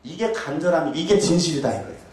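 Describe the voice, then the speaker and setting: A male pastor preaching a sermon, shouting out dramatic reenactments and urging the congregation to join in. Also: on the high side, big pitch swings, fast talker, heavy reverb, far from the mic, slight background noise.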